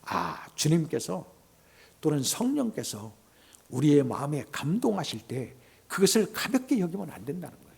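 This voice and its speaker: Husky high-voiced preaching man. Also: sing-song, normal speed. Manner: swings from loud exclamations to soft, hushed asides. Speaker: missionary preacher. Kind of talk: sermon with personal storytelling. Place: church sanctuary.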